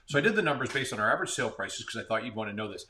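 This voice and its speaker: A man's voice: mid-range voice, lively intonation, racing, pushed and bright, a little hiss or hum. An American man co-hosting a casual real estate market chat, explaining figures with frequent restarts. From Central Florida. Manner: conversational, explains numbers with restarts. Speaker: real estate agent, co-host.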